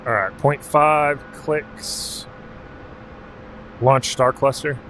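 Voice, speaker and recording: A medium-pitched man from Alaska talks extremely slowly over slight background noise. He's streaming a helicopter game, chatting casually with plenty of profanity while calling out clock directions and ranges.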